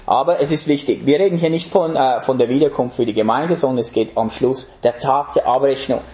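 A man's voice: medium pitch, fairly quick, a little mellow, echoey room. A man preaching a sermon in an emphatic way, putting rhetorical questions to the congregation.

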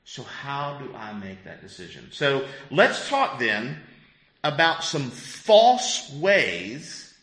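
A man's voice: medium pitch, huge pitch swings, slow, a bit bright. A man in his fifties, a pastor teaching a Bible class in a conversational way, asking the group questions. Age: 50s. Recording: echoey room.

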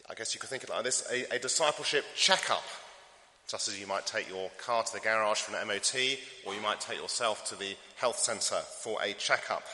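A hoarse English man delivers a sermon in a big, reverberant church hall. His croaky voice has a bright, forceful edge, and he speaks earnestly to the congregation. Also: mid-range voice. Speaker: preacher. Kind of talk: sermon and public prayer.

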